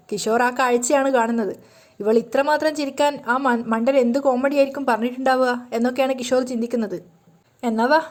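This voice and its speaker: A woman storyteller retelling a serial story in a lively, chatty way. She drops in little asides, and her voice sits fairly high.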